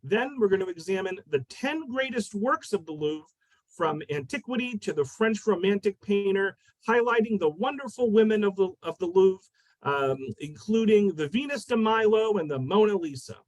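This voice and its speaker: High-voiced male host introducing a speaker. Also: expressive, no room sound, low-quality recording. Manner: upbeat, slightly halting. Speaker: library program host. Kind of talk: introducing a virtual event. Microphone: video call.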